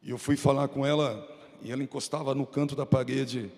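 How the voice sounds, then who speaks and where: A man's voice: medium pitch, fairly even intonation, fairly quick, darkish tone. A man with a Brazilian Portuguese accent preaching a fervent, dramatic sermon as a pastor in a church. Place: church sanctuary. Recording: reverberant church hall.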